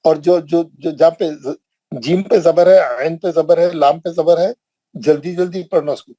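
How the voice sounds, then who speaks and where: Teaching Quran recitation in an online session, a middle-aged man from India with a Hyderabadi accent draws out drill words slowly and repeats them for students. The recording is rough but has no echo, and his voice sits high and mellow.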